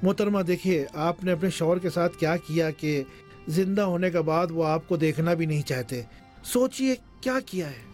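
A man plays a stern older family head in a TV drama who gives orders firmly. Light music runs quietly behind. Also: fairly high pitch, expressive, close to an everyday voice. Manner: firm, commanding. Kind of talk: dubbed TV drama acting.

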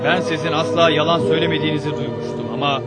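Distrustful challenger played by a man: high-pitched, accusing, insistent historical-drama delivery with music underneath. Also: fairly even intonation, rapid-fire, lightly acted. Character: insistent, distrustful man demanding proof from a holy man. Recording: music behind the voice.

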